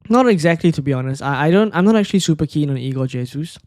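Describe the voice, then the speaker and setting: This is a man whose voice sits a little high for a man. He talks through his choices in a loose, conversational way, full of fillers and restarts as he answers questions from chat. The sound is dry and close, with almost no room around it. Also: fast, dry recording. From Singapore. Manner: thinking aloud, relaxed and conversational, frequent fillers and restarts. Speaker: fantasy football streamer. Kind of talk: casual live-stream commentary answering chat questions.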